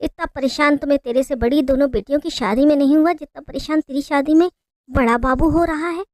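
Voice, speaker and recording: Woman playing stern elderly father, grumbling, weary, high voice, dry. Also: fairly even intonation, a little fast, darkish tone, no echo, lightly acted.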